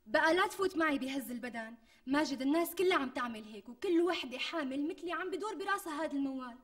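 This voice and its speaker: This sitcom actress has a high, expressive voice and talks very fast as a greedy young wife-to-be speaking with a Damascene Syrian accent. Her coaxing turns to guilt-tripping and indignant outbursts at her fiancé, captured by a distant mic with faint background music.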